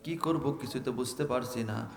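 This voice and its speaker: A man's voice: mid-range voice, normal speed, creaky, voice pushed down, lightly acted. A preacher man quoting an anxious, penniless pious husband, in his own sermon voice. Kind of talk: quoted speech in a sermon. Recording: echoey hall reverb.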